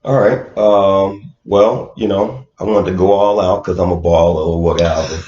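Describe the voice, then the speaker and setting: A man's voice: low voice, steady tone, unhurried, a little mellow. A man co-hosting a podcast in casual chat, laid-back and hesitant with many fillers. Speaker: podcast co-host. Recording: roomy, dull lo-fi sound.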